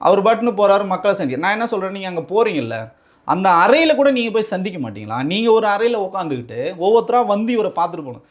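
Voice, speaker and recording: A man with a Tamil Nadu accent argues his case in a heated political interview. His voice sits high and his words tumble out at great speed. He presses the interviewer with rhetorical question after question. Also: very animated. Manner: combative, rapid rhetorical questioning. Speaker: political party spokesman.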